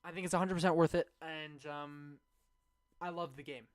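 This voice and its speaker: A man's voice: a little high, steady tone, normal speed. A young man streaming, rambling enthusiastically through a casual game review, with many fillers and restarts. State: hiccuping.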